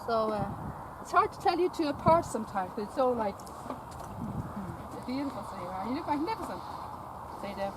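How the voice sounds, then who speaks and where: Out in a stud farm paddock, a woman with a higher voice and big pitch swings speaks at normal speed, pausing often. The vlogger baby-talks a mare and chats casually with her companion, frequently repeating phrases and tripping over words; her companion holds the camera, capturing wind and farm sounds.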